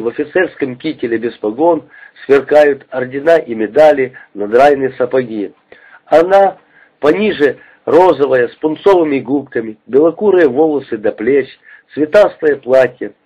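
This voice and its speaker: A man narrating a memoir in a measured, vivid descriptive reading, in a dull lo-fi recording. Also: medium pitch, lively intonation, mellow, breathy edge.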